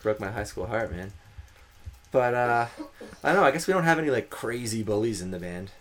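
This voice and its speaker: A man's voice: fairly low pitch, expressive, fairly quick. A male musician chats loosely in an interview, wandering through his thoughts with plenty of laughs. He puts himself down and swears casually. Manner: rambling, self-deprecating, laughs often, swears. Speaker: band member.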